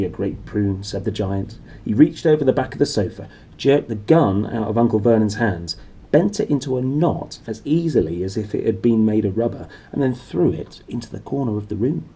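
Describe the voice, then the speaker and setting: A man with a mellow, husky, lowish voice reads a storybook aloud. His narration is dramatic and expressive, delivered in a theatrical, playful way, and he corrects himself along the way.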